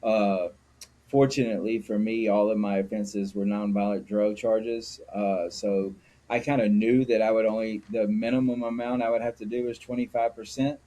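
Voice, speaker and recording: A man's voice: on the low side, flat delivery, normal speed, mellow. A middle-aged man from Mississippi, a guest telling his story candidly and reflectively in an interview, with frequent fillers. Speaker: guest, sober living founder. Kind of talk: personal interview.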